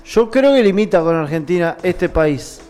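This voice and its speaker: A man's voice: high-pitched, expressive, moderate pace, a little mellow, soft background music. A man, playing a guessing game on a live stream and laughing often.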